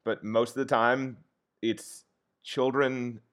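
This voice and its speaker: Taking it slowly in a level, mid-range voice, this man who teaches history chats as a podcast guest in a casual interview. He sounds earnest, reflective and soothing, often restarting and using fillers.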